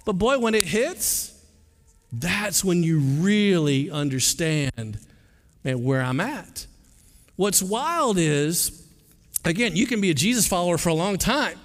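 A man's voice: sits high, sing-song, slow pace. A male pastor preaching a sermon in an earnest, conversational way, often stumbling and restarting his words. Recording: long hall reverb.

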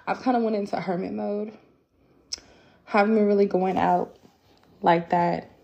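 A woman hosting her own podcast, talking casually and reflectively with many fillers and pauses, candid and personal. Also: medium pitch, fairly even intonation, gravelly, a little mellow, dull audio. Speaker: podcast host. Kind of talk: casual solo podcast talk.

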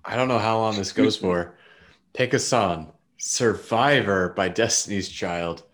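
A man's voice: lowish voice, measured pace, a bit bright. A man co-hosting a casual podcast, reading out long lists of quiz options and laughing now and then. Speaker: podcast co-host.

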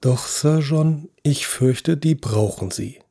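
A calm, patient neurosurgeon, voiced by the male narrator, reassuring and soft-spoken. His dark, husky tone sits close and dry, with no room around it. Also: on the high side, slow, no room sound, pitched above the performer's own voice, full character voice. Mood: soothing. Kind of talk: audio drama acting.

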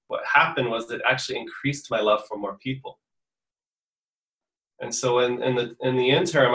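A man with a bright, forceful voice gives a guest's answers in an interview, earnest and reflective, restarting phrases as he works out his thoughts. The recording has a roomy echo around him. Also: medium pitch, far from the mic. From born in the US, raised in Portugal from fifteen. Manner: earnest, thinks aloud with restarts. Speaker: musician guest.

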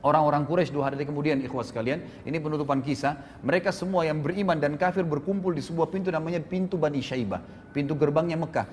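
Guy preaching in a mosque, talks quick, telling a story and doing the voices, echoey hall with a little hiss. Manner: animated, acts out quoted voices with rising pitch. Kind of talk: storytelling sermon. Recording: reverberant hall with faint noise.

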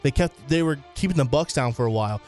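A man co-hosts a casual sports podcast and argues his picks emphatically, filling his talk with "like." His pitch sits in the middle range. Faint music plays behind him. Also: expressive, fast, a little mellow. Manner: emphatic, says "like" a lot. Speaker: podcast co-host.

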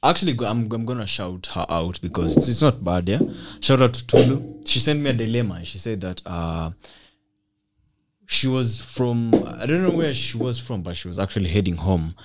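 A young man with a Kenyan accent hosts a casual podcast chat, talking in an animated, slangy way and punctuating it with tags. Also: fairly low pitch, moderate pace, very noisy. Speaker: podcast host.

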